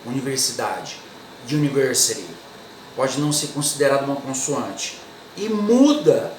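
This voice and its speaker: A Brazilian man teaching English pronunciation, repeating each word slowly and patiently. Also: on the high side, reverberant, recorded from a distance, slight background noise, rough recording. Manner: slow, repetitive, drills words one by one. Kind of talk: pronunciation lesson.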